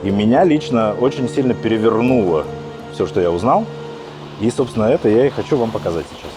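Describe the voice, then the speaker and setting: A man, the journalist host, narrating a documentary in a measured, reflective way and asking questions. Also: lowish voice, animated. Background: music.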